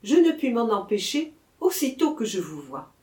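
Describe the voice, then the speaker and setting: A woman's voice: on the high side, big pitch swings, normal speed, dark tone. A woman reader voicing a timid, lovesick young abbé who speaks humbly and mournfully, in an echoey room. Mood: wistful.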